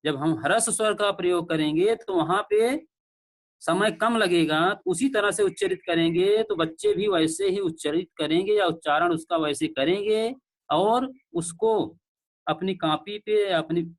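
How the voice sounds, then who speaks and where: Male lecturer on an online call, high voice, patient and repetitive, checks that students can hear. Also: expressive. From India. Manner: explains slowly with repeated examples. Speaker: teacher. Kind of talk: online class lecture on pronunciation.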